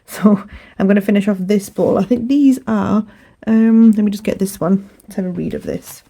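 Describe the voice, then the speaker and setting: A young British woman giving a relaxed, rambling crochet tutorial at home, chatting casually with plenty of fillers. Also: medium pitch, moderate pace, creaky, poor audio. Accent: British English. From England. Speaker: crochet vlogger. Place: home, indoors.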